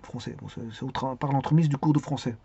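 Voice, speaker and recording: A man giving a spoken lesson on speaking skills, hesitant, with many pauses and repeated words. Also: mid-range voice, creaky, mellow, slightly rough, dry recording. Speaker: teacher. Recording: dull lo-fi sound.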